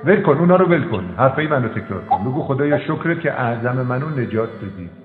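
A man counsels in a calm, firm voice, repeating short commands again and again. He sounds tinny and phone-like, in a roomy, reverberant space with faint music underneath. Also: mid-range voice. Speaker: counselor addressed as doctor. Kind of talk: counseling session with a storytelling aside.

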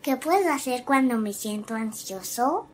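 Woman playing a little boy, earnest, anxious, fairly high, simply recited, animated lesson. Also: a little slow. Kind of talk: scripted animated explainer dialogue.

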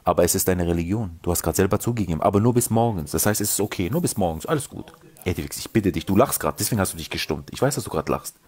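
A man hosts a heated live debate and talks fast, his pitch swinging widely. He is confrontational and animated and keeps cutting in on his guests. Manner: animated, confrontational, cuts in often. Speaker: host of a live debate stream.

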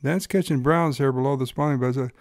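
A man's voice: mid-range voice, steady tone, fast talker, darkish tone, no echo, clean studio sound. Easygoing man narrating fishing footage. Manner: easygoing, folksy explaining. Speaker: fly-fishing guide and host. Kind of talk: narrating his own fishing video.

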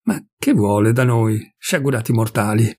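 A big, jovial fellow in his fifties, voiced by a man reading a story aloud, spilling confidences with smug good humour. His voice has a gravelly edge. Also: lowish voice, lively intonation, moderate pace, darkish tone. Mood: chatty. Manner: gossipy, confiding, pleased with himself.

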